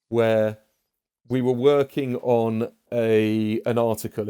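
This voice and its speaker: A man, a former aide, telling animated stories from his work in a podcast conversation, with frequent restarts. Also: medium pitch, no echo, clean studio sound. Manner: animated anecdotes with many restarts.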